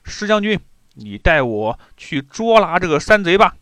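A man's voice: sits high, very animated, normal speed, fairly bright tone, dry recording. A man voicing a brave young boy warrior who speaks confidently and gives commands. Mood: bold, confident.

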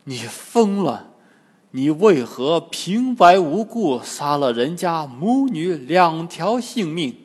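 A stern storybook monk master , as a man puts him on, measured and unhurried. The voice moves through a lively pitch range and sits in a long reverberant hall. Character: stern, gentle-hearted male monk master.

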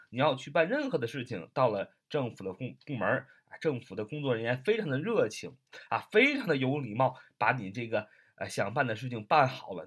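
Male language teacher, husky and animated, drills words by repetition and asks the listener questions. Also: mid-range voice. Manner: repeats and spells words slowly, asks rhetorical questions. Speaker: English vocabulary teacher. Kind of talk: online vocabulary lesson.

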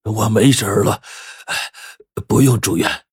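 A gravely ill farmer, breathy and weak yet stubborn, dragging his words , as a male storyteller puts him on. The voice sits close and dry. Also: fairly low pitch, unhurried, no echo, pitched above the performer's own voice. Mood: pleading. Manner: weak and breathy, turning fierce.

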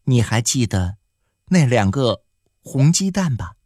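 A man's voice: medium pitch, very animated, takes it slowly, a little mellow, dry recording, clean studio sound. A man voicing a desperate village woman who pleads tearfully and insistently, in an audiobook. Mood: pleading. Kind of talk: audiobook character voice.

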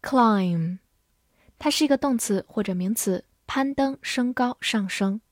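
A woman teaching English vocabulary in Chinese. She spells each word letter by letter and reads the example sentences slowly and carefully. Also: a little high, no echo, studio quality.

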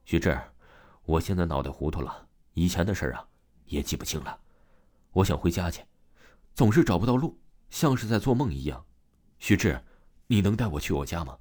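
A man's voice: low-pitched, expressive, brisk, long pauses, darkish tone. Man voicing a dazed, pleading village ghost. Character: confused lonely male ghost of drowned young villager.

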